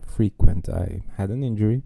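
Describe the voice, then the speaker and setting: Man, podcast host, casual monologue, dark mellow tone, dry close sound. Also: on the low side, moderate pace, vocal fry, no room sound. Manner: self-mocking, chatty, wry jokes.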